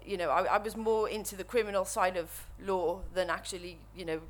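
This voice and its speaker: A woman in her thirties with a Welsh accent, nervously telling her recovery story to an audience at a microphone, halting and full of restarts. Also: mid-range voice, steady tone. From Wales. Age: 30s. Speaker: speaker sharing recovery story. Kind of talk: personal testimony to an audience. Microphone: microphone while standing before an audience.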